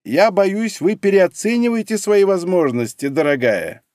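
A man voicing a shrill, jealous older German professor in an audiobook, squealing and high-strung. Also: animated, measured pace, darkish tone, dry recording, clean studio sound. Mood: agitated. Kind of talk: audiobook character reading.

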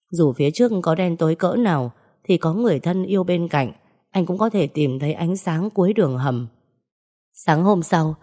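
A woman narrating a scripted audio story in a steady, measured way. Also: on the low side.

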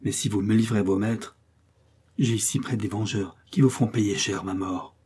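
A man's voice: steady tone, normal speed, a little mellow, husky. A man voicing a desperate, vengeful young noblewoman who pleads and cries out for her life in an audiobook. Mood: defiant. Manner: shrill, pleading outcries.

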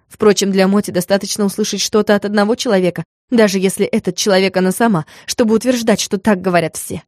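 A woman narrating a story in an even, measured way. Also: mid-range voice, dry recording, clean studio sound. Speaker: audiobook narrator. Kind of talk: scripted narration.

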